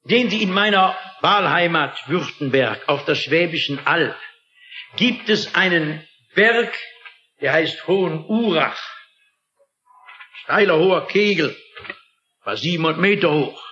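A man's voice: fairly high pitch, expressive, a little slow, pauses often, sharp tone, slight background noise. A man preaching a sermon in an emphatic, dramatic manner, often asking the listeners rhetorical questions. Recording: echoey, dull lo-fi recording.

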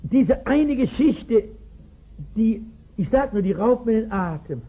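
Slow, animated and high, this man's voice carries a breathy edge. A pastor in his sixties, he relates a Bible story in a sermon, emphatic and often asking his audience questions, preserved on a tinny 1960s recording.

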